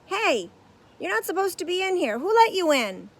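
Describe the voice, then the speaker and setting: A woman's voice: extremely high pitch, sing-song, moderate pace, voice pushed up, full character voice. A woman voicing a blunt, offhand male stagehand in a storybook. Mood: suspicious. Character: gruff working stagehand man.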